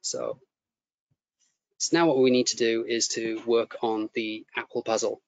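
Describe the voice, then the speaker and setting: A man's voice: medium pitch, flat delivery, unhurried, vocal fry, a little mellow, dry recording. A man teaching a coding lesson, explaining each step as he types and often repeating himself as he goes. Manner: explains step by step while typing, repeats words. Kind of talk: live coding tutorial. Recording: muffled lo-fi audio with faint noise.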